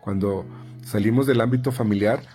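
Speaking at a moderate pace in a warm tone, a Mexican Spanish-accented speech therapist chats with parents through a list of numbered tips. Fillers, repeats, and restarts are frequent, and he mimics parents and children in higher voices.

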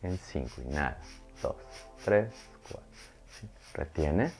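A man leading a guided breathing meditation, slowly counting breaths and giving short, spaced cues. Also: rumbling low, lively intonation, darkish tone. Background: music.

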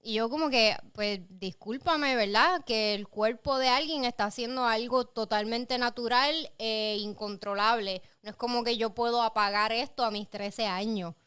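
A woman's voice: a little high, fairly even intonation, moderate pace, hardly any pauses, a bit bright, smooth. A woman, co-hosting a casual film chat, blunt and sarcastic and dropping English words into her talk. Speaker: podcast co-host and film reviewer.

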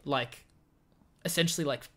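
A mid-pitched speaker on a film podcast, breaking down storytelling choices with real enthusiasm. The talk is analytical yet animated, in a casual conversational flow. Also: moderate pace. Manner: animated, switches into mimicking characters. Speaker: guest podcast host.

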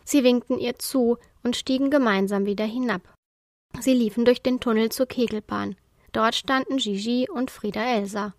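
Woman calmly reading a children's story. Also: fairly high pitch, moderate pace, no room sound, studio quality. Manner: calm, storytelling. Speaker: narrator.

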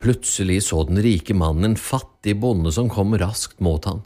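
A man narrating a children's storybook radio play in a lively, drawn-out storytelling manner. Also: deep voice.

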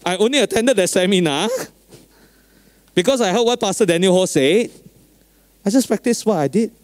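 A man with a somewhat high-set voice preaches in colloquial Singlish with a Singaporean or Malaysian accent. He talks like a pastor telling everyday stories, animated and informal, dropping particles at the ends of short phrases. The sound is very dry, without room echo. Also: moderate pace. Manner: animated storyteller, acting out dialogue. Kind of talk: informal sermon with anecdotes.

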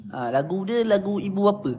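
A man's voice: high-pitched, expressive, a little fast, darkish tone, slight background noise. A young man chatting casually as a podcast co-host, laughing often and singing bits of songs. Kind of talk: casual chat.

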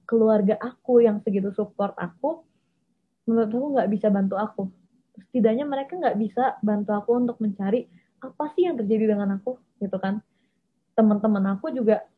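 A woman's voice: mid-range voice, breathy edge. A young woman candidly telling her personal story in a casual way, often mixing English phrases into her talk. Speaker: vlogger. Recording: tinny phone-like audio.

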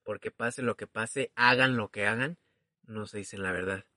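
A man's voice: fairly low pitch, moderate pace, bright, forceful tone, no echo, studio quality. A young man from Mexico City with a Mexico City accent, co-hosting a podcast in casual chat and acting out quoted dialogue with slang. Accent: Mexico City Spanish. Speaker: podcast co-host.

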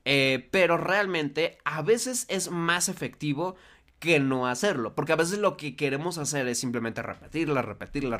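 A man teaching a casual lesson, friendly and encouraging, often pausing to ask rhetorical questions. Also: fairly high pitch, bright, forceful tone. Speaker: language teacher.

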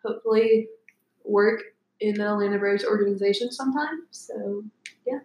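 A woman's voice: mid-range voice, normal speed, darkish tone, echoey room, rough recording. A woman in her twenties, a guest on a casual podcast, talking at length with lots of fillers and likes. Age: 20s. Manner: chatty, rambling with fillers.

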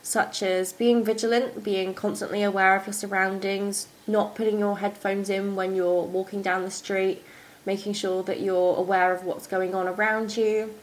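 A young woman presents a podcast in the manner of an upbeat morning show host. Her voice sits at a middle pitch. She explains things informally and conversationally. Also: little pitch movement, moderate pace, poor audio. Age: young adult.

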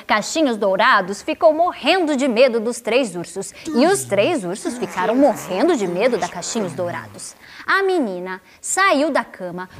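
A woman telling a children's story, expressive and playful, drawn out, with asides to her young listeners. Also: fairly high pitch, background noise.

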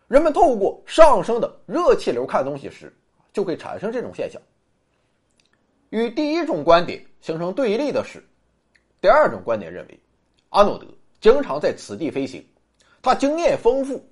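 A narrator delivering a scripted documentary in a dramatic, suspenseful true crime storytelling manner, with a husky voice. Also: medium pitch, a little mellow.

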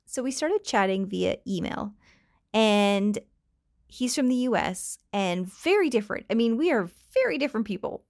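A woman's voice: mid-range voice, animated, moderate pace, gravelly, no room sound. Chatty woman podcaster, dry sound. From Canada. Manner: chatty and candid, swears casually, laughs often. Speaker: solo podcast host. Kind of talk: casual solo podcast chat.

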